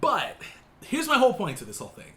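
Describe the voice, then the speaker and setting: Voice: mid-range voice, huge pitch swings, quick pace, crowd noise. A vlog host chatting casually to the camera, giggly, with hesitant, rambling explanations. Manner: giggly, laughs while talking.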